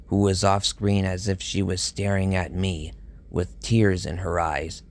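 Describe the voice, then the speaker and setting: A man narrating a first-person horror story in a measured, grim storytelling manner. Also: low voice, creaky.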